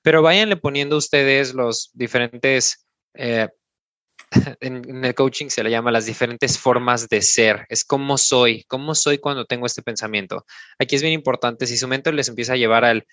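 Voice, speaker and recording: A man's voice: mid-range voice, fairly even intonation, moderate pace, fairly bright tone, no echo. A man with a Mexican accent, a podcast coach talking listeners through an exercise step by step, often tagging his sentences with a questioning "no?". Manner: explains step by step, tags sentences with "¿no?". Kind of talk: instructive podcast talk.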